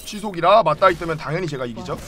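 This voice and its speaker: A young man streaming a game from home, chatting casually and yelling and swearing at the game. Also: a little high, expressive, racing, faint music behind. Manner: hot-tempered, yells and swears at the game.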